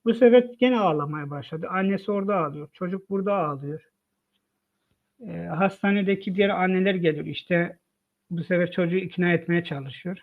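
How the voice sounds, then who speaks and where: A man's voice: high-pitched, fairly quick. A father telling of his family's hardship in an emotional personal testimony, retelling events by quoting what each person said. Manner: retells events by quoting dialogue, frequent "dedim" and "dedi" tags. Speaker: father of the child. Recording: tinny phone-like line from a live online broadcast.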